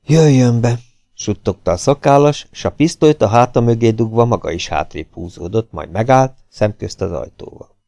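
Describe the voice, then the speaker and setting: A man narrating a novel chapter aloud as an audiobook reader, with expressive storytelling. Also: fairly low pitch, gravelly, no echo, studio quality. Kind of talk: scripted narration.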